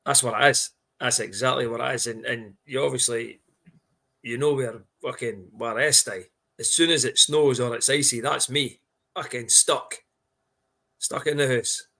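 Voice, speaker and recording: Male podcast co-host, broad Scots, sharp bright tone, colloquial and sweary, casual sports talk. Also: mid-range voice, fairly even intonation, normal speed, vocal fry. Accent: broad Scottish.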